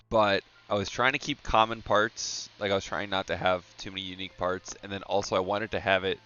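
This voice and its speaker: A sleepy American man hosts a live stream, talking shop in an easygoing way. His voice sits low yet carries a bright, forceful edge. The stream audio is a little dull and lo-fi. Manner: relaxed, easygoing, laughs often. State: sleepy, yawning. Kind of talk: casual chat about hardware.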